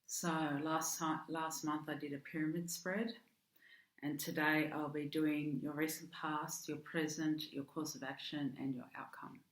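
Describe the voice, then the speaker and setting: A woman's voice: sits low, level tone, unhurried. A woman with an Australian accent giving a casual monthly tarot reading, hesitant, with frequent ums and restarts. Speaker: tarot card reader. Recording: echoey room.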